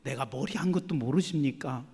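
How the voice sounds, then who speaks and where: A man's voice: medium pitch, a little fast, darkish tone, slightly rough, pitched below the performer's own voice. A male pastor quoting his wife in a complaining, reproachful tone. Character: reproachful middle-aged wife. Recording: long church hall reverb.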